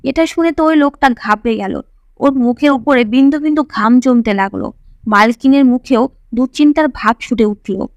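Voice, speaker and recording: A woman tells a suspense story in steady, scripted narration. Her voice sits high. The recording is close and dry. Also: moderate pace, no echo, highs cut off. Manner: steady first-person storytelling.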